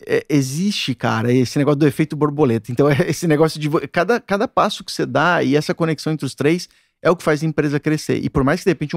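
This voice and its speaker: A Brazilian man guests on a podcast and talks quickly in a slightly raised voice. He rambles in long runs, stacking filler slang between his thoughts. The sound is dry and close, with no echo. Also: fairly high pitch, vocal fry. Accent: Brazilian Portuguese. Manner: rambling, fills with "cara". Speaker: podcast guest, company co-founder. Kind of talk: casual podcast chat.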